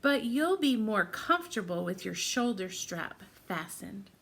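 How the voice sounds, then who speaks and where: A woman's voice: mid-range voice, very animated, a little slow, creaky, fairly bright tone, husky, full character voice. A woman voicing a sweet, affectionate little girl in a children's storybook, speaking in an earnest, polite way. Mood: tender.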